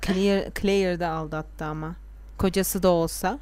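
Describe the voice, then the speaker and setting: A woman's voice: on the low side, fairly even intonation, measured pace, darkish tone, clear, resonant tone. A young woman in casual, opinionated chat about a TV series, talking at length and sometimes drawing her words out.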